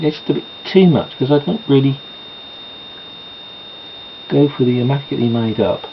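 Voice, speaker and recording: Vocal fry colors this man's mid-range voice as he rambles casually at home during his makeup routine. He adds self-deprecating asides throughout. It's a dull, lo-fi home recording with noise.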